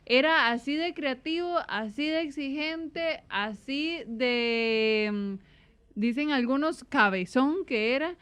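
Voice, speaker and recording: A woman hosting an interview, attentive and quick to affirm her guests. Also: high voice, a bit bright. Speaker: host. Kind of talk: conversational interview.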